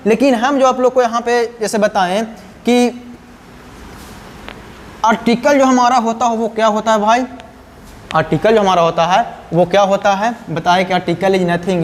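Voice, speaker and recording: Teacher, male, high voice, asks the class questions and answers them himself, reverberant room. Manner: repeats and quizzes the listener with questions. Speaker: English grammar teacher. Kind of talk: classroom lesson. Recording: long hall reverb.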